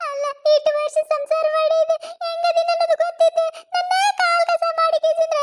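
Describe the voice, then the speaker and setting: A woman's voice: very high voice, flat delivery, fairly quick, pitched above the performer's own voice. A woman with a North Karnataka accent voicing a wronged young village daughter-in-law in a cartoon comedy, plaintive and pleading. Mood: lamenting. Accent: North Karnataka Kannada. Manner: plaintive, pleading wails toward the gods, with polite "ri" address.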